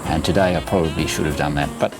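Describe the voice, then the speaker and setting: A man's voice: very deep voice, fairly even intonation, fast talker, music in the background. A man in his sixties talking casually to camera as a running vlogger, chatty, instructive and reassuring as he shares tips. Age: 60s.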